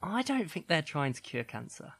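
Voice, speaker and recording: A British man co-hosting a podcast, chatting casually and telling an animated story, laughing often and mimicking voices. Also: a little high, normal speed, vocal fry. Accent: British English. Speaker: podcast co-host. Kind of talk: casual chat.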